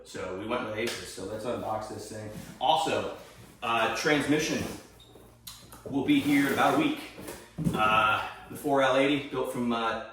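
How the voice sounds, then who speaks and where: A man's voice: mid-range voice, a bit bright, reverberant, slight background noise. A young man hosting a casual garage vlog, chatty and rambling with lots of fillers, a bit out of breath. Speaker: garage channel host. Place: home garage.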